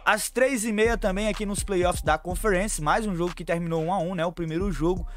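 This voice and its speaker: Homem animado dando palpites de apostas. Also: male voice, sits high, steady tone, a bit bright, faint music behind. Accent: Brazilian Portuguese, São Paulo fan. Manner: brisk, chummy, calls viewers family and partner. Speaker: sports betting tipster. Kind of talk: fast betting tips over screen share. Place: small room at home.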